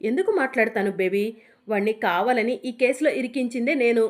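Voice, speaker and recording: A woman's voice: on the high side, animated, fairly quick, close to an everyday voice. A woman doing a scheming serial mother. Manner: pleading when caught. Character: scheming middle-aged mother, manipulative.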